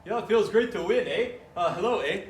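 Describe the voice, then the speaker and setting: A bumbling, apologetic Canadian figure, put on by a man in a comic mock accent, tacking "eh" onto everything. The voice sits high. It sounds distant and roomy, with a faint hiss behind it. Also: animated, a little fast. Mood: goofy. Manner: tacks "eh" onto every line, hesitant fillers. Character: exaggerated jokey Canadian man, apologetic and rambling.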